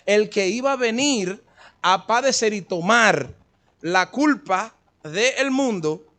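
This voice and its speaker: A man's voice: sits high, expressive, takes it slowly, pushed and bright. Emphatic preacher man. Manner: emphatic, addresses listeners directly, retells scripture dramatically. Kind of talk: Bible study sermon.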